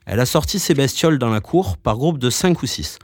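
A man narrating a story in a calm, matter-of-fact way. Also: medium pitch, a little fast, husky, no echo, clean studio sound. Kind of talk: audiobook reading.

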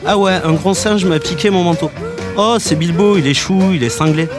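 A man voicing an eccentric young woman who keeps wild animals, bright, bossy and lively. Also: high-pitched, moderate pace, music in the background, voice pushed up, close to an everyday voice. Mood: cheerful.

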